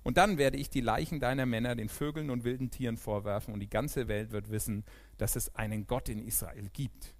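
A man's voice: medium pitch, steady tone, a little fast, few pauses, lightly acted. A man reading as a defiant young shepherd hero. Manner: declaiming, firm.

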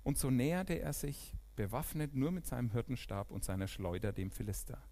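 Animated German-speaking preacher man. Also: medium pitch, a little fast. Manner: animated, swings between loud emphasis and quiet asides. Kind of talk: sermon.

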